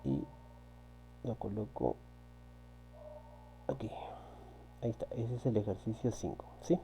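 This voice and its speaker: A man's voice: on the low side, sing-song, measured pace, dark tone, poor audio. A man teaching a physics class, patiently repeating key points and often checking with his students. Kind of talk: recorded online class walking through exercises. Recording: faint electrical hum.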